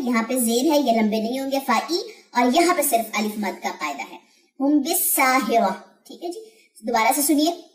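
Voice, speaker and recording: A woman's voice: fairly high pitch, roomy sound. A woman teaching Quran recitation rules, explaining each point step by step and answering her own questions.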